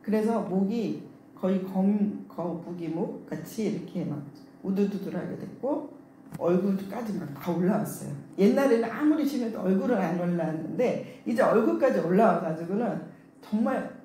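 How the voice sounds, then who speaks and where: A woman preacher tells a story from the pulpit and acts out the quoted lines as she goes. Her voice is mellow and dark. It rings through a very echoey church hall over a faint hiss. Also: medium pitch, animated, normal speed. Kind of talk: sermon testimony. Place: church sanctuary.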